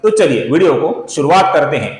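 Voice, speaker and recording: A man teaching the correct pronunciation of a Sanskrit verse, explaining earnestly and chanting words slowly, with soft music behind him. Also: fairly high pitch, sing-song, reverberant, low-quality recording. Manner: addresses viewers as friends, earnest explaining. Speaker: spiritual YouTube teacher. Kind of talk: Sanskrit recitation lesson.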